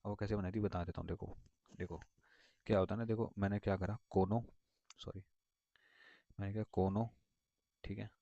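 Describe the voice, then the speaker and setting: A man's voice: lowish voice, steady tone, quick pace, gravelly, long pauses, mellow, no room sound. A man teaching vocabulary in a casual, rambling way, repeating words and circling back with many fillers. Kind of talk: casual explanatory lesson. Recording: dull lo-fi dry recording.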